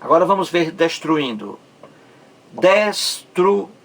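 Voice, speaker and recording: A man gives a patient grammar lesson, speaking very slowly with a gravelly, slightly husky voice. He stretches words out syllable by syllable and keeps checking that his listeners follow. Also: medium pitch, expressive, a bit bright. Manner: slow, stretches out words syllable by syllable, asks rhetorical check-ins. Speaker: Portuguese grammar teacher. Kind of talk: explanatory video lesson.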